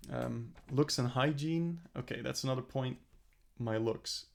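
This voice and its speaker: A young man speaks unhurriedly in a creaky, medium-pitched voice while thinking aloud about his plans. The vlog is casual and earnest, and he rambles and corrects himself as he goes.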